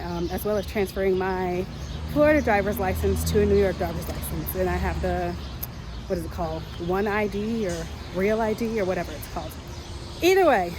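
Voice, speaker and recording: Chatty woman vlogging on a noisy street. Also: medium pitch. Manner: chatty, excited, many "like"s and side comments. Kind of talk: casual walk-and-talk vlog. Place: outdoors on a city street. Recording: traffic noise from a busy street. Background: passing vehicles and street ambience.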